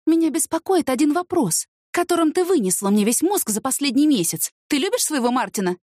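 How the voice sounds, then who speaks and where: A sharp-tongued woman friend scolds and exclaims in a high, wildly swooping voice, as a woman reader puts her on. She lectures with sarcasm, all spoken close and dry with no room around it. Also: very animated, fairly quick, dry recording. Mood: scolding. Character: brisk, scolding woman friend who works in the courts.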